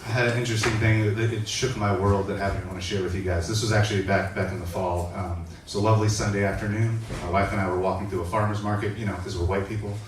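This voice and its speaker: A man in his forties performing a stand-up set, deadpan stories broken by shouted bits. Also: on the low side, quick pace, few pauses. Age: 40s. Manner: deadpan storytelling with shouted bursts for voices. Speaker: stand-up comedian. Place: comedy club stage. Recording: echoey club from far off, noisy. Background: audience laughter.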